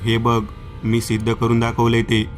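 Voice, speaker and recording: A man's voice: medium pitch, completely flat delivery, normal speed, faint music behind, natural voice. A man voicing a brave young woman in a horror story, speaking firmly and defiantly. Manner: firm, defiant.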